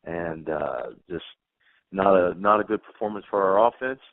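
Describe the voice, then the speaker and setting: A man's voice: low voice, normal speed, no room sound. A man, a head football coach, answering reporters' questions on a teleconference in a plainspoken way, often repeating and restarting words. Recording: phone line.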